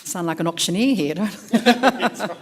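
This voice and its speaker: A woman's voice: mid-range voice, a little slow. An Australian woman hosting an event's question time, chatty and joking as she coaxes the audience to ask questions. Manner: chatty, jokey, coaxing the audience. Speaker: luncheon host running questions. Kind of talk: moderating a Q&A. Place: hotel function room.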